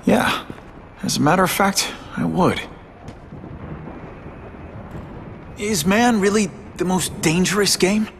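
A man's voice: sits high, moderate pace, gravelly, a bit bright, a little hiss or hum. An actor playing an earnest young male reporter in a video game, curious and wry, talking casually with slight hesitation. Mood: hesitant, agreeing. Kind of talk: naturalistic video game acting.

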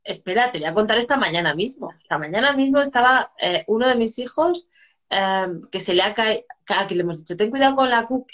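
A woman's voice: mid-range voice, a bit bright. A woman from chatting casually about parenting, telling family anecdotes with lots of restarts and "¿sabes?". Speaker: psychologist and co-host of live chat. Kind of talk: casual live-stream chat on parenting.

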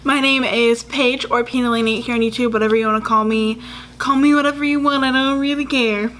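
A woman's voice: a little high, steady tone, brisk, a bit bright, a little hiss or hum. A woman in her twenties telling childhood stories in a chatty, rambling vlog, with lots of fillers, recorded indoors facing the camera. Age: 20s. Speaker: YouTuber. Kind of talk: casual storytelling vlog. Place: dim room indoors.

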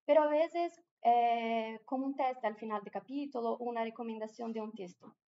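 Muffled audio with a little hiss or hum carries a conference presentation by a Brazilian woman with a Portuguese accent. Her fairly high voice moves at a moderate pace in a large room, and she is careful, often pausing and restarting.

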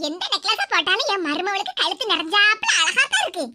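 A woman's voice: extremely high pitch, big pitch swings, brisk, bright, forceful tone, exaggerated voice. A woman voicing a doting, sentimental mother-in-law in a cartoon, with a Kanyakumari Tamil accent and an affectionate manner. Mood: fond. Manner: affectionate, emotional, often laughing.

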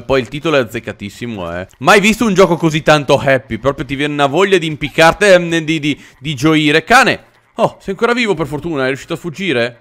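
A man hosting a let's play, narrating his gameplay with jokes and loud, animated exclamations. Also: medium pitch. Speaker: gaming channel host.

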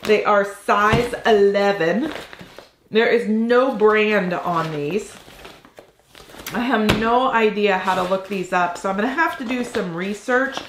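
This reseller vlogger, a woman in her forties with a cold-tinged nasal voice of medium pitch, talks slowly and chattily as she unboxes things at her home office desk, musing aloud over each item. The audio is reverberant with a noisy background.

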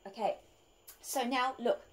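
A woman's voice: a little high, measured pace, low-quality recording. A woman from Australia, delivering an argumentative opinion monologue full of rhetorical questions. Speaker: vlogger.

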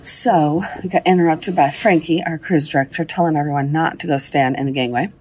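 Low-voiced woman explaining in a cabin. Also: fairly even intonation, fairly quick, a little mellow, slightly rough. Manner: chatty, explanatory, teasing. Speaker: vlogger. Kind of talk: casual travel vlog narration. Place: small cruise ship cabin. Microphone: camera held at arm's length.

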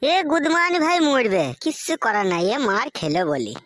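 A woman's voice: fairly high pitch, sing-song, moderate pace, a bit bright, no room sound, studio quality. A woman voicing a crude, foul-mouthed male friend in a comic cartoon, coarse and dismissive. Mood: grumbling. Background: background music.

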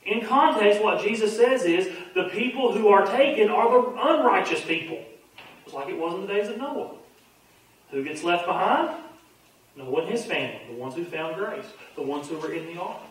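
A male pastor teaching a Bible class in a quick, conversational way, often restarting his sentences. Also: high-pitched, expressive. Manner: fast-talking, conversational, repeats his starts. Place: church sanctuary. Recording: very echoey room, voice from far off.

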